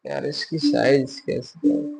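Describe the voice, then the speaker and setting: A man teaching a biology lesson, who asks his class questions, answers them himself in a softer voice and mixes in English science terms. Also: mid-range voice, wildly swooping pitch, slow pace, gravelly, faint music behind.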